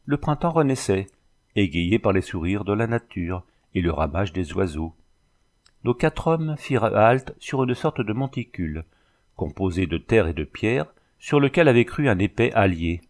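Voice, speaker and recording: Man narrating a novel, low voice. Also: very animated, moderate pace. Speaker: audiobook narrator. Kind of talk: literary audiobook narration.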